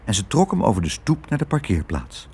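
A man reading a children's story aloud, his voice husky and breathy. His pitch rises and falls dramatically as he tells the tale, keeping the narration very animated. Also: a little fast. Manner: expressive reading. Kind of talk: audiobook narration.

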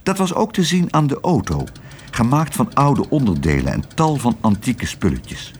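A man reading a children's story aloud in a lively, expressive way. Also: mid-range voice, moderate pace, soft background music.

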